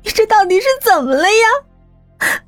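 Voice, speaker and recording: A woman's voice: animated, measured pace, faint music behind. A woman voicing a frantic young mother who pleads and cries in a storybook reading. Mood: frantic, tearful. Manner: crying, shrill and pleading.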